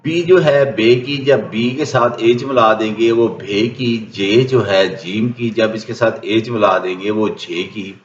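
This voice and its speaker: A man's voice: mid-range voice, hardly any pauses, a little hiss or hum. A man, a native Urdu speaker, explaining an English lesson plainly and methodically, one step after another. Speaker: English teacher. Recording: echoey room, dull lo-fi sound.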